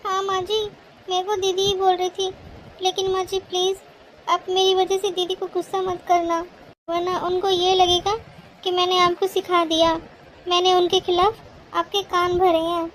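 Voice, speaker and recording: Woman doing a sugary whiny young daughter-in-law, super high cartoon voice, tattling. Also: monotone, normal speed, a bit bright, a little hiss or hum. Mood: whining. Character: scheming young daughter-in-law, sweet-talking, complaining. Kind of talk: cartoon voice acting.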